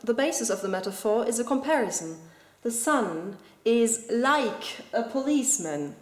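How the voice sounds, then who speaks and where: A woman calmly walking through a close reading of a poem, in a measured, explanatory way. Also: mid-range voice. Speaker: video blogger explaining a poem. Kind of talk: scripted literary analysis. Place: school building indoors. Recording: echoey room.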